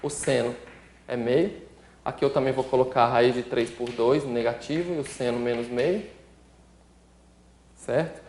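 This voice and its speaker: A man's voice: medium pitch, fairly even intonation, unhurried, long pauses, darkish tone, slight background noise. A man with a Brazilian Portuguese accent who teaches a calculus lesson step by step, working through sums as he writes them out and checking in with the listener often. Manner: works through sums while writing them out. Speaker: math instructor. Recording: roomy echo.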